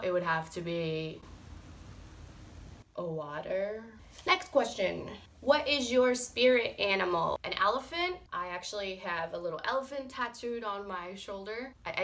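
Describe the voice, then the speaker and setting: A young woman vlogger answering get-to-know-me questions in a loose, candid chat. Her voice is bright and forward, set slightly low for a woman. She talks frankly and easily, with the odd mild curse. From Morocco.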